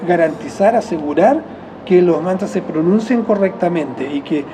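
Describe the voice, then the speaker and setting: A man with a Chilean accent, explaining in a rambling, reflective way as an interviewee, often correcting himself mid-phrase and chuckling softly. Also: high voice, lively intonation, normal speed, background noise.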